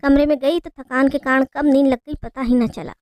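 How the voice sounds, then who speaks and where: A woman narrating a heartfelt family story in the first person, in a plaintive, expressive way. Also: high-pitched, a little fast, no room sound.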